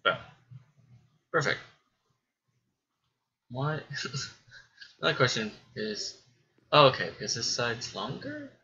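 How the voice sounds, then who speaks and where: A man's voice: mid-range voice, wildly swooping pitch, slow pace, long pauses, pushed and bright, lo-fi sound. A man muttering to himself and chuckling as he builds, giving casual gameplay commentary. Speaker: gameplay streamer.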